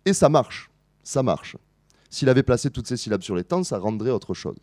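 Male academic lecturer, animated pitch, mellow tone, explanatory delivery with fillers and self-corrections. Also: moderate pace, no room sound, studio quality. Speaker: musicology lecturer. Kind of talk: academic presentation to a live audience.

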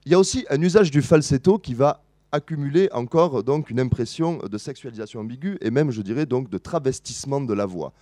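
Male academic lecturer, animated pitch, mellow tone, explanatory delivery with fillers and self-corrections. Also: brisk, dry recording. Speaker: musicology lecturer. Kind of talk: academic presentation to a live audience.

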